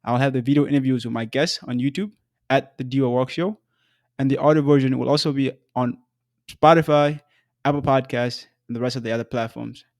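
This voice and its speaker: On his own scripted solo podcast, a young South Sudanese man narrates his story in a measured, earnest tone, his mid-range pitch fairly even, with the occasional um or restart. The recording is dry and close, with almost no room sound and no echo.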